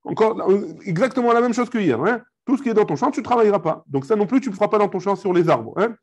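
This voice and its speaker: A man's voice: high-pitched, expressive, fast. A rabbi teaching a live Talmud class, explaining step by step, mixing in Hebrew and Aramaic terms and checking with his students.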